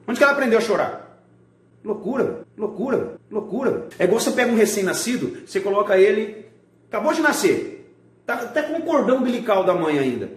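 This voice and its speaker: A man teaching a video lesson, his voice sitting high and swinging widely up and down. He throws out rhetorical questions and acts out his examples with energy. The sound bounces around an echoey room. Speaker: art teacher. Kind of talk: recorded video lesson for schoolchildren.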